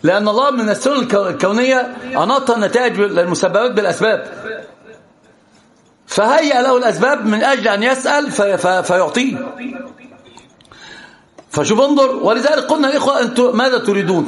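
A man giving a religious lesson to students, animated and teasing as he teaches. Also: high voice, fast, long pauses. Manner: animated, teasing, often laughing.

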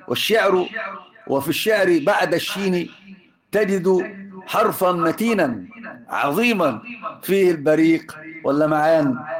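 A man with an Egyptian accent giving an informal religious lesson, teasing and joking with his students as he moves between classical and colloquial speech. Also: on the high side. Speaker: religious teacher.

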